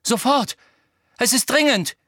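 A man's voice: mid-range voice, moderate pace, fairly bright tone, husky, no room sound, clean studio sound. A male audiobook narrator voicing a frightened teenage boy wizard who stammers and pants out urgent words. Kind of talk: audiobook character voice.

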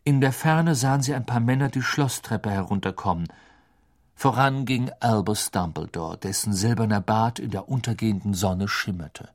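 A man narrating a storybook audiobook in an expressive, measured way. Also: on the low side. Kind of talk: scripted narration.

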